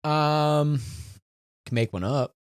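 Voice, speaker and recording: A man's voice: a little high, slow pace, smooth, no echo, clean studio sound. A young man in his twenties, a podcast co-host telling a rambling, profane story in casual chat.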